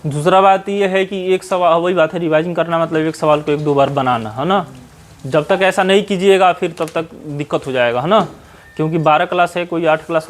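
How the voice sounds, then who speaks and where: A man with a Bihari Hindi accent teaching mathematics in a classroom, advising students at length and tagging his sentences with "है ना?". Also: a little high. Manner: scolding, advising, with frequent "है ना?" tag questions. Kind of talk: classroom lecture. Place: classroom with whiteboard.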